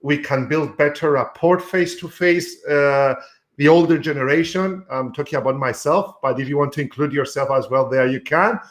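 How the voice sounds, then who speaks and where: A man with a fairly high voice hosts a live mentoring stream from a room at home. He coaches patiently and instructively, with many fillers along the way. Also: moderate pace. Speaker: host and sales mentor.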